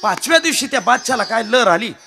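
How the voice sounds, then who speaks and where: A man with a Marathi accent and a very high, creaky, bright voice preaches a devotional kirtan, talking fast, animated and forceful, with faint music behind him. In this storytelling sermon he jokes with the crowd, addresses listeners as maharaj, and calls out so they answer back.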